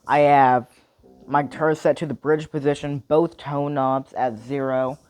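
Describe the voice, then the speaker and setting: A man's voice: mid-range voice, level tone, unhurried, darkish tone. A man casually walking through his guitar settings in a rambling, hedging way. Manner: loose, rambling, hedging with "like" and "kinda". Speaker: guitar tutorial host. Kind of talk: casual demonstration. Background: electric guitar playing.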